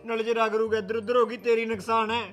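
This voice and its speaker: A lazy, bickering village husband, played by a man, trades loud teasing jabs with his wife. His voice sits high for a man. Faint music runs underneath. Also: level tone, quick pace. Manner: loud, teasing, quarrelsome banter. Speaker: actor in a comedy sketch. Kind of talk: rural comedy sketch acting.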